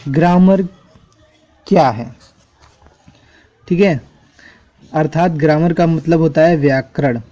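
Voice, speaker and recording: Male teacher, spells words out letter by letter, slow deliberate pace, slightly high voice. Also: mellow, dull audio. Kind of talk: board lesson explaining English spelling.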